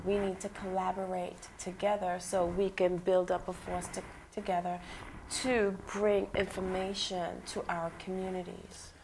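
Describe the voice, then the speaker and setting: A woman's voice: on the low side, flat delivery, unhurried, darkish tone, slight background noise, poor audio. Affirming woman talk show host. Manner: affirming, keeps repeating agreement. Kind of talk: studio TV interview. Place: TV studio.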